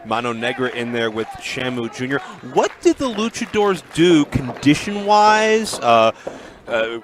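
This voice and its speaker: A man's voice: mid-range voice, big pitch swings, a little slow. A man doing play-by-play as a lucha libre announcer, calling the wrestling moves in clipped phrases. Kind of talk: lucha libre match commentary. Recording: loud noise around the commentary.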